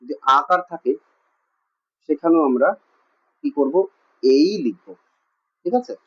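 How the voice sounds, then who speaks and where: Husky Bengali teacher asking and answering. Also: male voice, a little high, a little slow. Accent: Bengali (West Bengal). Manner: asks questions and answers them himself, repeating. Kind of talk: classroom lesson. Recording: muffled lo-fi recording.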